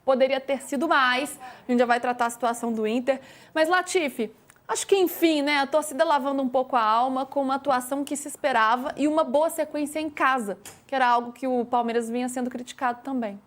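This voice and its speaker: A Brazilian woman hosting a TV sports debate, lively as she hands questions to the panel. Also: high voice, quick pace. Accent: Brazilian Portuguese. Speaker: TV sports show host.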